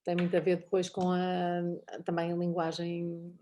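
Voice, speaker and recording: A middle-aged woman with a European Portuguese accent speaks as a guest in a casual online talk. Her voice sits a little low, and she laughs easily as she acts out snippets of conversation. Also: measured pace. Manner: animated, laughs often, acts out quoted dialogue.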